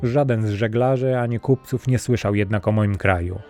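A man reading a fairy tale as scripted storybook narration, calm and even. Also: fairly low pitch, moderate pace, soft background music. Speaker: audiobook narrator.

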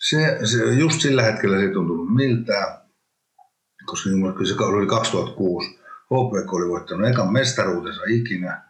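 A man's voice: lowish voice, animated. A man, a former hockey player, talking casually in an interview with many restarts. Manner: rambling, halting, with many restarts. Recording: roomy echo.

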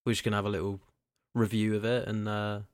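A man's voice: on the low side, quick pace, clean tone, no echo. A man hosting a casual gaming podcast, chatting and laughing easily with his co-host. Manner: laughs often, relaxed banter. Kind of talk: casual chat.

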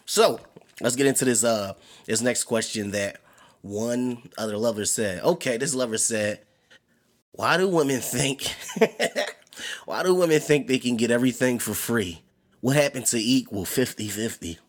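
A man's voice: mid-range voice, moderate pace. Man, podcast host, casual chat, slangy, laughs a lot. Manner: laid-back, slangy, laughs often.

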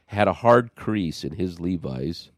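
A man with a low voice hosts a conversation, animatedly telling a personal story and acting out what people said. He speaks unhurriedly. The studio-quality recording has no echo.

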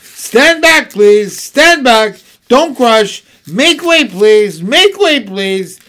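A man voicing bossy bear zookeepers crying out to clear the way. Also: extremely high pitch, big pitch swings, very slow, voice pushed up, exaggerated voice. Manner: crying out loudly.

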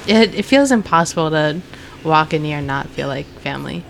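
A woman's voice: sits low, animated, fairly quick, vocal fry, over music. A young woman, the daughter of a restaurant owner, chatting casually as a guest with lots of "like" and "you know". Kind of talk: casual chat.

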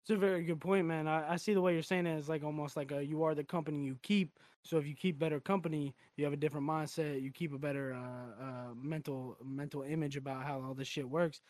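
Higher-voiced young podcast host, dry sound. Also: male voice, fairly even intonation, quick pace, darkish tone, no echo. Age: 20s. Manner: frank and casual, swears freely. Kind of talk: casual podcast chat.

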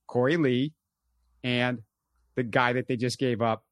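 A man's voice: mid-range voice, measured pace, no echo. Sports-talk host man, dry sound. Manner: animated, talks in bursts with fillers. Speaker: podcast host.

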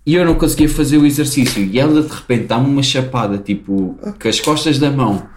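A man's voice: mid-range voice, expressive, fast. A man with a Lisbon Portuguese accent telling anecdotes in casual, slangy, sweary chat. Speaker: podcast guest or co-host. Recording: echoey room.

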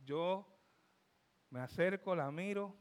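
A man in his fifties with a Puerto Rican accent, a pastor telling a testimony in a sermon, animated, swinging from loud to hushed. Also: high voice, takes it slowly. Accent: Puerto Rican Spanish. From Puerto Rico. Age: 50s.

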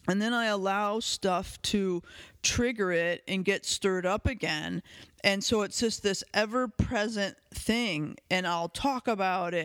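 A man with a notably high voice talks through a reflective self-help monologue as a podcast host. He is candid and conversational, leaning on fillers and the occasional swear word. The sound is dry and close, with no room around it. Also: fairly bright tone, no room sound.

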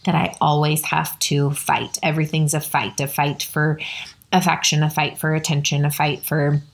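A woman's voice: low voice, level tone, moderate pace, gravelly. A woman hosting a podcast, telling a personal story in an earnest, conversational way with many fillers. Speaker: podcast host.

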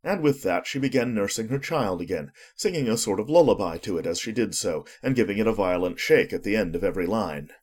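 Animated, husky male storybook narrator. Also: on the low side, a little fast, few pauses. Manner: expressive storytelling.

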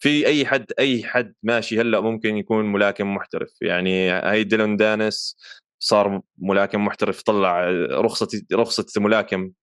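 A man's voice: on the low side, steady tone, brisk, a bit bright, clean tone, no room sound, clean studio sound. A man with a Levantine Arabic accent explaining things casually as a podcast co-host, dropping in English terms as he talks.

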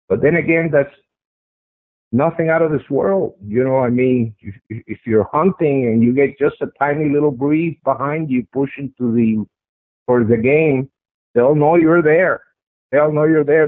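Speaking as an interview guest, a man describes in the first person a sighting of his own. His voice is strong and medium-pitched with no echo, and his conversational delivery leans on repeated phrases for emphasis, heard over a tinny, phone-style radio line.

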